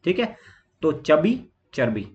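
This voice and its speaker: A man with an Indian accent teaching exam vocabulary in a steady explanatory lesson, listing words and pausing on fillers. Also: fairly high pitch, muffled recording.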